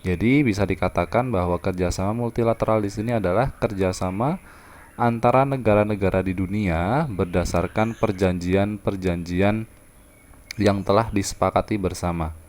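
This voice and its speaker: A man's voice: lowish voice, normal speed, darkish tone, a little hiss or hum. A man teaching a social studies lesson, explaining terms patiently and repeating himself with fillers. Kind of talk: classroom lecture.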